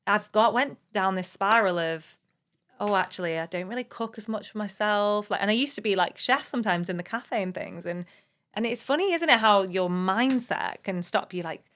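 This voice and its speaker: A woman's voice: medium pitch, a bit bright. A woman hosting a podcast, chatting in an enthusiastic way and agreeing readily. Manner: enthusiastic, quick to agree and laugh. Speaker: podcast host. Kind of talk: casual podcast chat.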